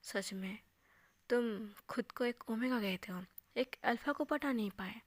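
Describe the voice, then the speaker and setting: A woman's voice: a little high, unhurried, no room sound. Brief: a woman doing a scornful young man, taunting and cold, raised voice, dry.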